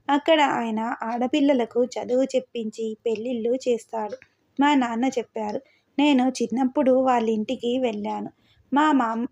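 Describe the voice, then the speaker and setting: A woman voicing an earnest, resolute young village schoolgirl in a storybook reading, in a mellow voice. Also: a little high, lo-fi sound.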